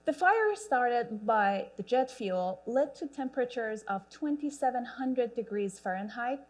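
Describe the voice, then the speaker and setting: A woman from Iran, giving a rehearsed short talk in a measured, deliberate way. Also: a little high, lively intonation.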